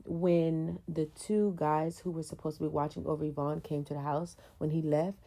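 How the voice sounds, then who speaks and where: A woman with a low, mellow voice talks through a film in a casual podcast chat. She gets animated, acting out scenes in a raised voice. Between her points she keeps up a steady run of mm-hmms. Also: normal speed. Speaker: podcast panelist.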